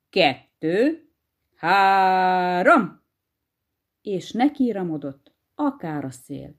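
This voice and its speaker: A woman reading a fairy tale aloud, lively and expressive as a storyteller. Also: sits low.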